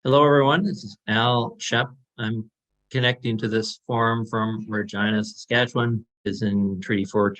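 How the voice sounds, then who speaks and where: A man in his fifties, a panelist, speaking over a remote video call whose audio breaks up, with a measured, halting delivery. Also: lowish voice, fairly even intonation, fairly bright tone. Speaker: panelist, director of an industry innovation group. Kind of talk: conference panel remarks. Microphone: laptop or webcam mic on a video call. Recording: lo-fi, dull video-call line.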